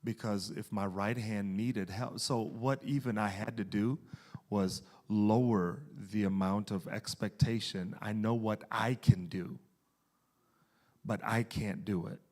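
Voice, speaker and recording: A man preaching a sermon in a conversational way, slowing down for emphasis and often restarting his sentences. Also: on the low side, fairly even intonation, darkish tone.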